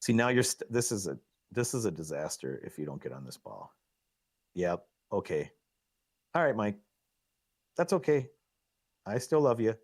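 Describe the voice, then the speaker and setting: Excitable man coaching through pool commentary. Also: lowish voice, moderate pace, long pauses. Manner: excitable, coaching, self-mocking, laughs often. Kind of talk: live pool match commentary.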